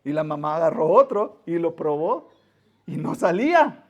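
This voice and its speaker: A middle-aged man, preaching a sermon as pastor, telling stories with acted-out voices and sudden quiet, intimate asides. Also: fairly high pitch, moderate pace, muffled recording. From Mexico. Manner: animated storyteller, acts out voices, drops to near-whisper for emphasis.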